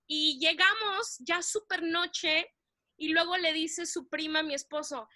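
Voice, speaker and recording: A woman co-hosting a faith podcast, telling a story in an animated way, laughing often and slipping in English phrases. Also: extremely high pitch, measured pace, no echo, clean studio sound. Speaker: podcast co-host.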